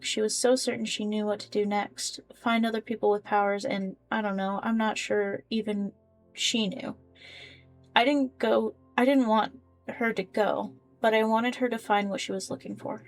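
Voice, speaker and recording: A woman playing a story game, reading the dialogue and journal entries aloud in an expressive, casual way. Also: mid-range voice. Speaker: game player voicing characters.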